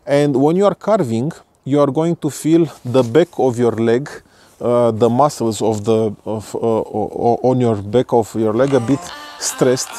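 Standing at the base of a ski slope, a man in his thirties films a casual ski review vlog on a tripod-mounted camera at medium distance. He speaks a little slowly in a mellow, medium-pitched voice, stumbling through fillers and restarts, with no room sound.

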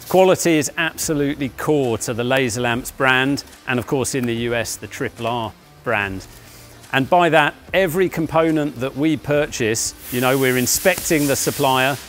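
A man in his thirties leads a walking tour of his company's factory and offices, speaking at a middle pitch. His delivery is measured and explanatory, with frequent "uh" fillers, and he sounds close to a clip-on mic. Faint music plays underneath. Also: a bit bright. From England. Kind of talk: guided walking tour presentation. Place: large indoor offices and factory floor.

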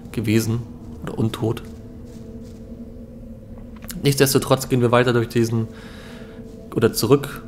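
A man's voice: medium pitch, creaky. A young man giving casual let's play commentary in a laid-back, musing way. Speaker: let's player. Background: game ambience.

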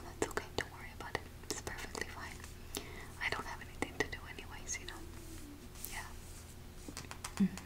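A woman in a whispered role-play as an easygoing eye doctor, murmuring softly to a patient and pausing for replies. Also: natural voice, low-quality recording. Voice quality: soft, breathy, unvoiced whisper. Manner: halting, murmured one-sided conversation with pauses for replies. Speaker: ASMR performer. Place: small home office, indoors. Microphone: large microphone close beside her.

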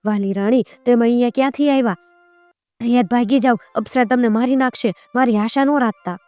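A woman's voice: a little high, steady tone, a little fast, dark tone, dry recording, soft background music, voice pushed up, close to an everyday voice. A woman voicing a weak, starving captive king who talks in an urgent, pleading way.

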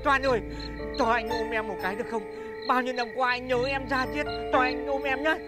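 An actor playing a melodramatic, half-mad young man who wails and exclaims loudly in a slapstick comedy film. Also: steady tone, brisk. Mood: lamenting. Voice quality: high, wailing and exaggerated. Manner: loud exclamations and theatrical laments. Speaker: lovesick half-mad son. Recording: background music under dialogue.

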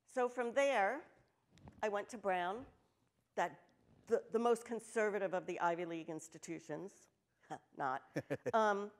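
Standing on a big auditorium stage with an audience watching, a conference speaker tells stories in her keynote. She is an older New Jersey woman with a mid-range voice, speaking frankly and energetically while slipping in jokes.

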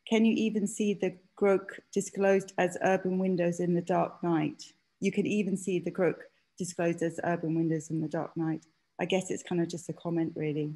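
A woman with a lowish, dark voice speaks in a level tone at a moderate pace while hosting an informal panel on a video call from an indoor room. As event host and moderator, she steers the discussion tentatively and apologetically.

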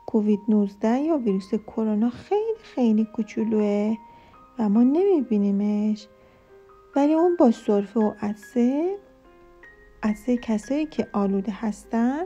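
A woman's voice: fairly high pitch, animated, warm tone, dull audio, soft background music. A woman voicing a caring mother who is a scientist, reassuring her child in a read-aloud children's story.

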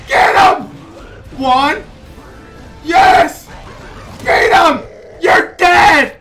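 Screaming high-pitched young male game streamer. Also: huge pitch swings, very slow, over a noisy crowd. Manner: screaming, incredulous, sweary outbursts. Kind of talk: excitable live gaming reactions. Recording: loud game music behind the voice. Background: video game music.

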